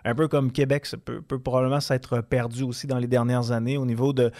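A man's voice: medium pitch, flat delivery, a little fast, a little mellow. A man with a Québécois French accent hosting a casual interview, chatty, familiar and joking. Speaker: host.

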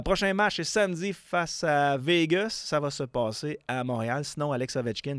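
A man's voice: mid-range voice, no room sound. A man with a Québécois accent co-hosting a radio show, chatting casually, teasing guests and reading a sports update. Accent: Québécois French. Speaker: radio co-host.

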